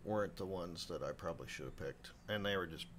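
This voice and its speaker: Low-voiced rambling chef in his fifties. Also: fast talker, a little hiss or hum. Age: 50s. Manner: rambling, self-interrupting, animated quoting. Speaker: guest chef. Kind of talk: casual interview storytelling. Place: live podcast room.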